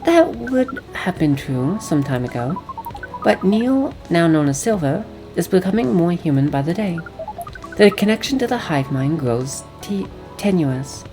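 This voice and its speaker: A woman voicing a calm, formal female alien from a hive mind who speaks as "we", reading game dialogue aloud over game music. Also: on the low side, measured pace.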